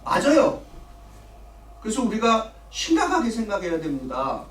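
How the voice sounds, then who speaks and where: A man's voice: high-pitched, huge pitch swings, moderate pace, a bit bright, distant mic. Korean man teaching Bible class, echoey room. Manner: asks the class questions and answers them himself. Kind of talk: church Bible study lecture. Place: church classroom.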